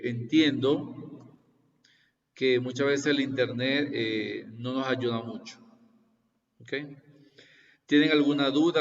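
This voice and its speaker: Man in his sixties lecturing over a video call. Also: mid-range voice. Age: 60s. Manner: repetitive, explanatory, often checks with "¿Ok?". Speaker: university lecturer. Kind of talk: online class introduction. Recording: distant, roomy, dull video-call audio.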